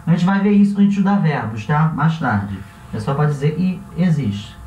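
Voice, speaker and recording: A Brazilian man with a relaxed, chatty teaching manner who often corrects himself and checks in with his listeners. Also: a little high, a little fast, lo-fi sound, slight background noise. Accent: Brazilian Portuguese. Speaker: language teacher. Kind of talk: casual classroom explanation. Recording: echoey room, voice a bit far from the mic.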